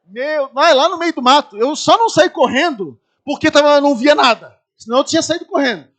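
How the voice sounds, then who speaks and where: High-voiced Brazilian preacher telling stories. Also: male voice, brisk. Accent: Brazilian Portuguese. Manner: lively anecdotes, acts out screaming people. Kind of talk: storytelling sermon.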